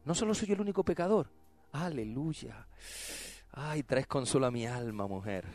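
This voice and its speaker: A man preaching a sermon, moving from soft teasing asides to loud cries and asking the congregation to repeat after him. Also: medium pitch, lively intonation, moderate pace, soft background music. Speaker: pastor.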